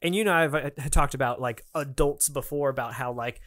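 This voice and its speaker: A man from Kansas co-hosting a casual podcast, musing aloud in a halting way with frequent restarts. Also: mid-range voice, a bit bright. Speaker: podcast co-host.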